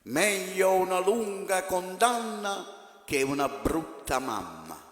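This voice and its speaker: A man's voice: high-pitched, lively intonation, takes it slowly, music in the background. A man reciting sayings in formal Italian, line by line. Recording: echoey hall, noisy.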